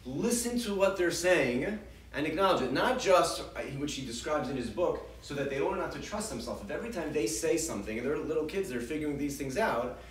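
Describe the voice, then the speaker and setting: In a congregation hall, a man leads an informal parenting class in a conversational style, acting out what parents and children say and frequently restarting sentences. His voice is a little high, animated and fairly quick, captured by a distant mic in a roomy hall with faint ambience.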